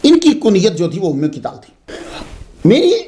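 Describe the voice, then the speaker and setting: A high-pitched man speaks at an unhurried pace, delivering a lecture on religious history. He tells it expressively, wandering into frequent digressions and asides.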